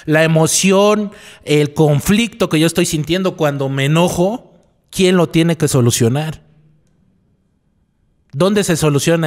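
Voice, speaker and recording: A man's voice: fairly high pitch, darkish tone. A male psychologist giving a reflective radio talk, asking the listener rhetorical questions and repeating key phrases. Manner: asks the listener rhetorical questions, tags lines with "¿no?".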